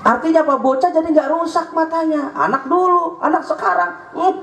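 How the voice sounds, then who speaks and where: Brief: Betawi-accented male preacher, very high voice, joking delivery, echoey hall with faint hum. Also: steady tone, fairly quick. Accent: Jakarta Betawi. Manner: joking, rising to shouts at points. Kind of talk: sermon. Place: mosque or prayer hall.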